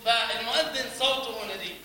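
With an extremely high pitch and a fairly quick delivery, an Egyptian-accented man teaches a class on the call to prayer. The religious teacher chants lines and quizzes students during his recitation lecture in an echoey, audience-filled hall.

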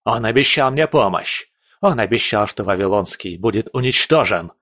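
A man's voice: on the low side, expressive, moderate pace, no echo, clean studio sound. A man voicing a furious tyrant prince. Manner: yelling, indignant outbursts.

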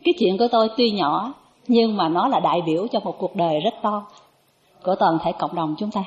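Animated nun telling a story in an echoey room. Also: female voice, medium pitch, fairly quick. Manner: animated storytelling, acts out dialogue, laughs with the audience. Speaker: Buddhist nun giving a dharma talk. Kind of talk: sermon with personal storytelling. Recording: echoey, dull lo-fi recording.

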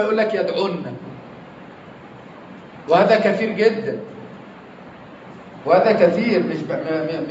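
With a high voice and an Egyptian accent, a man runs a grammar class, questioning his students again and again. It sounds lo-fi and dull, recorded from a distance in an echoey room with slight background noise.

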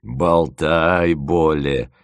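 A man's voice: lowish voice, sing-song, gravelly, dry recording, clean studio sound, heavily acted. A man doing a crafty old village fisherman. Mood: drawling, folksy. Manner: folksy, drawling, slow.

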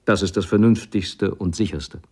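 A stern elderly painter, a professor, lectures in a measured, admonishing tone, read by a man. His voice sits low. It is a radio book reading. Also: steady tone, a little mellow, slightly rough.

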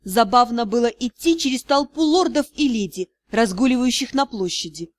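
A woman reads a first-person novel aloud in a steady, expressive voice. Her pitch sits a little high, and the sound is dry and close to the mic. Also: normal speed, dry recording. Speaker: audiobook narrator. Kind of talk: first-person scripted narration.

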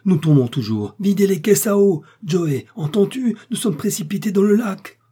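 A man's voice: a little high, expressive, a little fast, warm tone, slightly rough, voice pushed up. A man voicing a bold male explorer doctor who barks urgent commands in danger. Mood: frantic.

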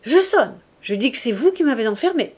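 A woman's voice: on the high side, lively intonation, moderate pace, darkish tone, close to an everyday voice. A woman reading an audiobook, voicing a proud young society woman who mocks and teases her suitor. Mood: mocking. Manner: teasing, scornful.

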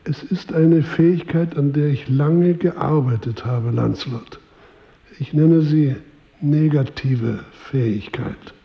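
A man playing a calm, principled king in a radio play, speaking in a measured, stately way with a gravelly voice. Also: fairly high pitch, lo-fi sound. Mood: firm, resolved. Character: calm, principled King Arthur, courtly and firm.

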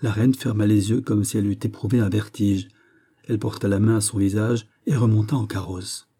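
A man narrating a classic novel as an audiobook, in a measured, even storytelling manner. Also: lowish voice, breathy edge.

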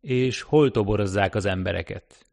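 A man voicing a cautious, secretive man on the run in an audiobook reading, measured and guarded. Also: on the low side, vocal fry, darkish tone.

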